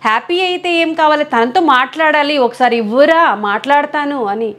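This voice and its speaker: A woman's voice: sits high, animated, moderate pace, fairly bright tone. A woman with a Visakhapatnam Telugu accent, speaking candidly in an interview and acting out what others said. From Andhra Pradesh. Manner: emphatic, acts out quoted dialogue.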